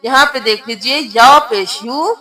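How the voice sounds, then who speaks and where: A woman teaching Quran reading, spelling out letters and slowly chanting each word, patient and repetitive. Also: fairly high pitch, bright, forceful tone. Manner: patient, repeats words slowly with drawn-out chanting.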